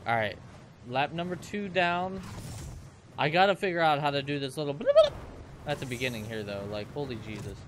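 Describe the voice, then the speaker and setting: A man's voice: medium pitch, moderate pace, noisy background. A man in his twenties rambling and joking with viewers as he comments on his own gameplay. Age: 20s. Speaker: let's play host.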